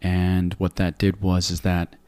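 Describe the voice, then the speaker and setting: A man in his forties from Afghanistan, a podcast guest giving measured, reflective interview answers into a close mic. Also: low-pitched, completely flat delivery, darkish tone, clean tone, no room sound.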